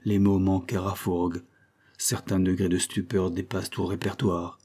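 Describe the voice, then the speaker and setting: A man narrating a literary sea story in a measured reading voice. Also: low-pitched, level tone, a little mellow, slightly rough. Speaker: audiobook reader.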